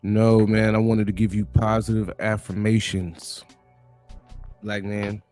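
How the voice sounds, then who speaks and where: A man with a low voice and very little pitch movement chats on a stream in a relaxed, slangy, low-key manner. His speech stays flat and even. Faint music sits quietly underneath. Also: measured pace. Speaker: stream guest. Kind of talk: casual stream chat.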